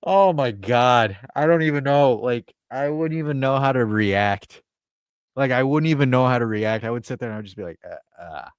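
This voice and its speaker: A man's voice: medium pitch, expressive, moderate pace, clear, resonant tone, no echo, clean studio sound. A man from the United States co-hosting a casual sports podcast, ranting with plenty of profanity. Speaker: podcast co-host.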